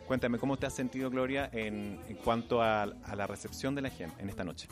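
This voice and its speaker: A brisk man with a mid-range voice interviews people for radio at an embassy cultural celebration, asking polite questions with small restarts. Loud music plays behind the interview.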